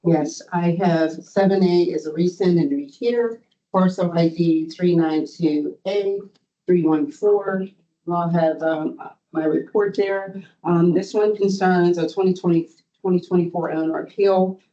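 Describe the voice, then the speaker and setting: A board administrator giving a formal procedural report at a meeting, speaking in a halting way. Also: mid-range voice, steady tone, warm tone. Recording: muffled, band-limited meeting audio.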